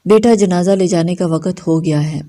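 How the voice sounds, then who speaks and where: A quiet older uncle in a storybook, gentle yet firm, voiced by a woman reader. The delivery is soft, low and mellow. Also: natural voice.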